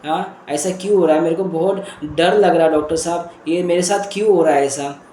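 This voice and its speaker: A man's voice: a little high, a little fast, warm tone, reverberant, slight background noise, close to an everyday voice. A man voicing a frightened, weeping middle-aged mother who begs her doctor for help, repeating her worries in a pleading rush. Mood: pleading, anxious. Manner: pleading, repetitive, breathless worry.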